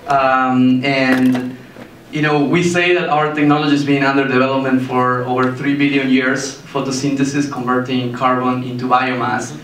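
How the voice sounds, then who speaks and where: Fairly bright in tone but flat in delivery, this mid-range voice belongs to an Argentine startup founder in his thirties presenting to an audience. He halts frequently, with plenty of fillers and restarts, speaking into a handheld mic in an indoor room with a projector screen. Picked up by a distant camera, the audio is echoey with faint hiss.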